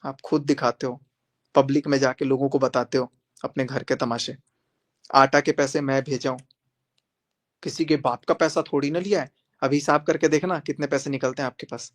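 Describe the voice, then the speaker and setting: A young man on a live stream, speaking defiantly and confrontationally, repeating phrases for emphasis as he challenges his critics. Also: mid-range voice. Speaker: social media creator on a live stream. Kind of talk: heated live-stream monologue.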